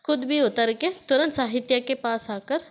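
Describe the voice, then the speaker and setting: A woman storyteller reads a romance story aloud in a slightly high voice. Her delivery is steady and even, with English words mixed into her lines. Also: normal speed.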